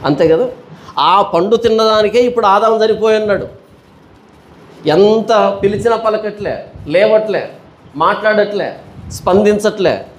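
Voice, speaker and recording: A man's voice: sits high, unhurried, long pauses. A male pastor teaching a Bible study sermon, asking rhetorical questions and repeating them, with everyday storytelling examples.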